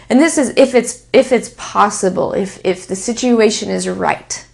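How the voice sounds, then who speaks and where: A woman from Texas with a Texan American accent, teaching English pronunciation in a patient, deliberate manner and repeating example sentences. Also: mid-range voice, animated, creaky, darkish tone. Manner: repeats example sentences slowly, stressing key words. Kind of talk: slow, deliberate spoken English lesson.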